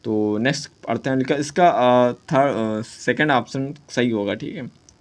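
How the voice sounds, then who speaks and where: A man teaching exam idioms in casual Hindi mixed with English, often saying "ठीक है", reading English sentences out slowly and correcting himself as he goes. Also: mid-range voice. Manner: self-correcting, jokes with students.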